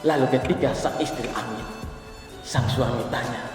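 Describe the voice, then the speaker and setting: A man's voice: mid-range voice, moderate pace, over music. A young man preaching a sermon at a church service, telling stories earnestly and stressing scripture as his voice rises. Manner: earnest storytelling, rising emphasis on scripture. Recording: echoey church hall, distant mic.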